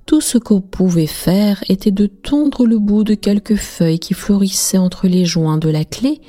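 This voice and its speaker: A woman's voice: mid-range voice, a little slow, warm tone, pitched above the performer's own voice, close to an everyday voice. A woman voicing a sly, tearful mother goat in a storybook tale, pleading and wheedling.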